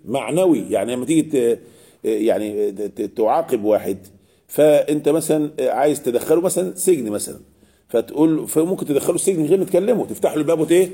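Husky, fast-talking Egyptian Arabic teacher. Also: male voice, medium pitch, expressive, mellow. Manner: asks the class questions and answers them himself. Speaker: religious teacher. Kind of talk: lesson explaining Quranic verses.

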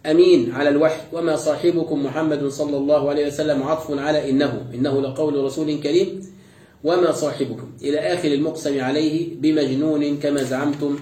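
A man's voice: a little high, steady tone, fast, dark tone. A man giving a Quran exegesis lesson, reciting each verse and then explaining it word by word. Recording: echoey room, voice distant from mic.

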